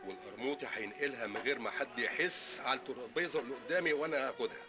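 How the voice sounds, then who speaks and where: An actor as a tight-lipped handler running a covert meeting. He gives rapid, low instructions. Music plays beneath. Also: close to an everyday voice. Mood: terse. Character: secretive male spy handler.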